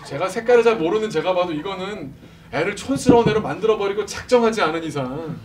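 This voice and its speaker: A man telling a lively testimony to a church congregation, acting out the voices of the people in his story and laughing often. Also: high voice, quick pace, a crowd in the background. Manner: animated, acts out quoted voices, laughs often. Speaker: speaker at a church service. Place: church sanctuary. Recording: distant mic with background noise.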